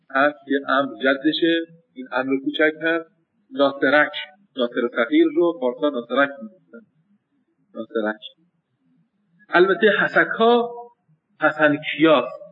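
Male teacher, husky voice, thinks aloud with pauses and restarts; lo-fi phone-like recording. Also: on the high side, far from the mic. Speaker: seminary teacher. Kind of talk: lecture on names and pronunciation.

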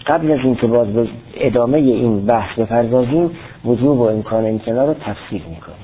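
A man's voice: mid-range voice, slight background noise. A man giving a lecture that reads aloud a classical Arabic text and explains it line by line. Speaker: teacher of theology and logic. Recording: tinny phone-like recording.

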